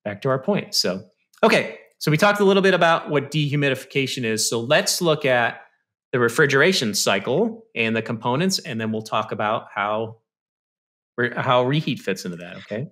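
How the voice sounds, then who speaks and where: In a casual instructor tone, a bright, forceful man in his 30s talks at normal speed with medium pitch and lively intonation. He's an HVAC presenter going over slides step by step, conversational and sprinkled with "you know" and "okay." The setting is a small indoor room, captured on a studio mic on a stand with headphones during a video call.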